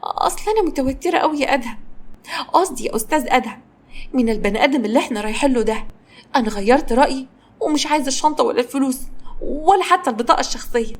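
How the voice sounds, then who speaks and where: A woman's voice: high-pitched, animated, rapid-fire, voice pushed up. A woman playing a nervous young woman. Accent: Egyptian. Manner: hesitant, nervous.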